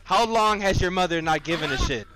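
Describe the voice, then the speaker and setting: A man's voice: sits high, fairly quick, over music. A man streaming a virtual reality game, scolding and lecturing the other players in casual banter, repeating himself and talking over them.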